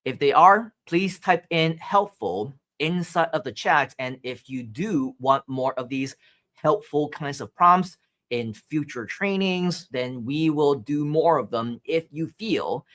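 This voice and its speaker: A man's voice: fairly high pitch, lively intonation, slow, a bit bright. A man from Hong Kong in his thirties, hosting a live-streamed marketing training in a conversational way, often asking "right?" and reading out viewer chat messages. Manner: conversational, asks viewers questions, frequent "right?".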